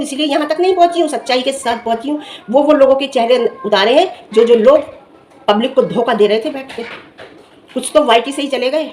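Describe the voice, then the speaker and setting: Woman, high-pitched, middle-aged, scolding vlog commentary, rhetorical questions, faint background hiss. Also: a little mellow. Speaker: vlogger.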